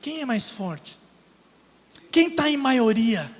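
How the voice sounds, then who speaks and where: A man's voice: very high-pitched, big pitch swings, slow pace. A man with a Brazilian Portuguese accent preaching a passionate sermon, building with repeated phrases and rhetorical questions. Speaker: pastor. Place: church sanctuary. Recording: church hall reverb.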